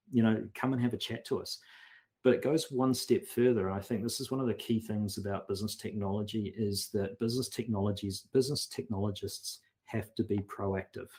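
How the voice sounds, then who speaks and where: Guy w a lowish voice chatting on a podcast, earnest, keeps restarting his sentences. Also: steady tone, fairly quick, warm tone. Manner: earnest, repeats words when restarting. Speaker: guest consultant. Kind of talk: conversational podcast interview.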